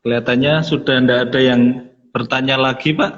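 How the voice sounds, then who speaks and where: A man's voice: medium pitch, steady tone, a little fast, fairly bright tone. A male moderator wrapping up a question session and asking the speaker to close in prayer. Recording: distant, dull, reverberant sound.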